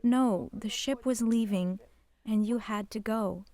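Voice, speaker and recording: Older woman giving halting testimony. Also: fairly high pitch, mellow. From Poland. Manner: halting, emotional, drops to whispers at painful moments. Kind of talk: personal testimony.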